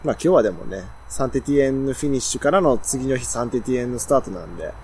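A man's voice: medium pitch, animated, very fast, a little mellow. A man with a Kansai accent, co-hosting a podcast in casual, joking chat, recorded in a hotel room with faint background noise. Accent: Kansai Japanese. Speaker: podcast co-host.

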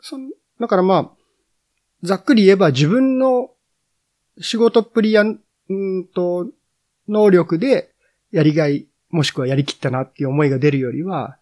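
Middle-aged guy on a podcast, kinda high voice, rambly storyteller with lots of "ehh". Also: animated, a little mellow. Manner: reminiscing storyteller, many drawn-out fillers. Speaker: guest, editor and cycling journalist. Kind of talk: casual podcast conversation.

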